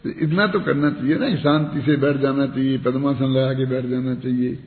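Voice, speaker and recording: A man's voice: mid-range voice, fairly even intonation, normal speed. A man giving a spiritual discourse in a conversational way, often asking his listeners rhetorical questions. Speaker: religious teacher. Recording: tinny, echoey hall recording.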